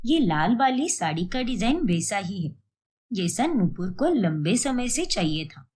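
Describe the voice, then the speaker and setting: Woman as a sweet young cartoon wife, gentle and reassuring, lively voice. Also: mid-range voice, measured pace, husky. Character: young married woman, kind and loyal. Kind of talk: animated storybook voice acting.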